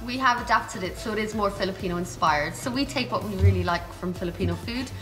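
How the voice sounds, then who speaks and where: A woman's voice: mid-range voice, quick pace, over music, low-quality recording. An Irish woman co-owning a restaurant, chatting casually and agreeing along with her partner. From Ireland. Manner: keeps agreeing with "yeah". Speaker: restaurant co-owner. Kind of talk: casual interview. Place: indoor restaurant.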